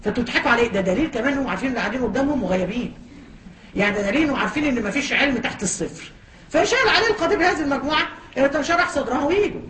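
A woman with an Egyptian accent delivers a fiery religious talk at a breakneck pace. Her voice sits high, and she throws out sarcastic rhetorical questions. She is heard from some distance in an echoey room. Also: animated, rapid-fire, a bit bright. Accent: Egyptian Arabic. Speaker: religious teacher.

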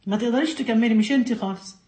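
A woman's voice: fairly high pitch, rapid-fire, darkish tone, close to an everyday voice. A woman with an Egyptian accent voicing a sly, coaxing tempter who talks a listener out of her resolve. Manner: coaxing, discouraging. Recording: roomy echo.

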